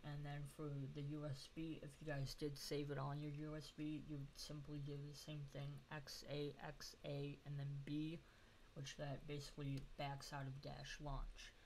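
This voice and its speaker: A man's voice: on the high side, monotone, normal speed, darkish tone. A man giving a casual, hesitant tech tutorial, sounding nasal and stuffed up, as with a broken nose. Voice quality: nasal, congested as after nose surgery. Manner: hesitant, informal explaining. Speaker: tutorial host. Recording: noisy home screen recording.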